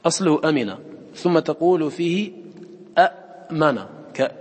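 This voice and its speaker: A man's voice: on the high side, lively intonation, fast, a little mellow, slightly rough, in a large hall. A man teaching a class on recitation, repeating words aloud and quizzing his students with questions.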